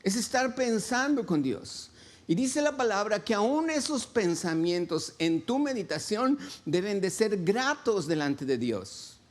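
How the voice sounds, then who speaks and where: A man's voice: sits high, sing-song, a little slow. A man, a pastor preaching a sermon and asking his congregation questions. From Mexico. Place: church.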